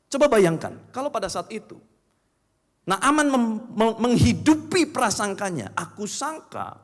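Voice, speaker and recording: Animated male pastor preaching in a reverberant hall. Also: sits high. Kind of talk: sermon. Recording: long church-hall reverb.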